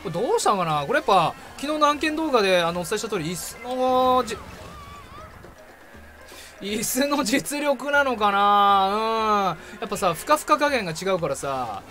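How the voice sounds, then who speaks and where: Young man, gaming host, fast-talking, lively swooping pitch, jokey play-by-play, background music. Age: young adult. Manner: animated, jokey, bursts of cheering and impressions. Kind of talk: excited gameplay commentary.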